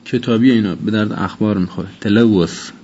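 A man with a lowish voice runs an informal vocabulary lesson, saying each word slowly, repeating it, then glossing it. The recording is dull and lo-fi, with a faint hiss of noise behind him. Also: fairly even intonation, a little mellow. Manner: repeats words slowly and glosses them in Persian. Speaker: Arabic teacher.

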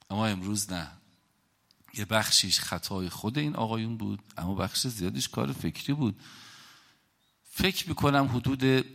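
A middle-aged man from Iran preaches in an impassioned lecture style. He tells stories with drama, pressing hard on key words and then dropping low. His pitch sits in the ordinary middle for a man. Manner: emphatic, dramatic storytelling with swings in loudness. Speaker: religious speaker.

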